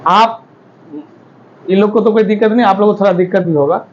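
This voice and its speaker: A man's voice: high-pitched, steady tone, brisk, dull audio. A man teaching a classroom lecture, explaining step by step and often checking that the students follow.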